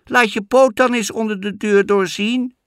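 A man voicing a group of frightened little goat kids, crying out in shrill fear in a storybook. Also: fairly even intonation, a little slow, clean tone, dry recording, clean studio sound.

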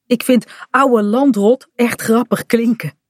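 A feisty little girl playing pirate in a storybook reading, bold and cheeky, as a woman puts her on in a raised, bright voice that swings up high. The delivery is slow and close to the mic. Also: steady tone, dry recording. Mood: chatty.

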